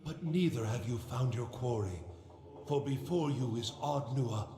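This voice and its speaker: A man voicing the spirit of a dead king, proud and grieving, speaking slowly and solemnly through an echoing voice changer. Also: mid-range voice, noisy background. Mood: commanding.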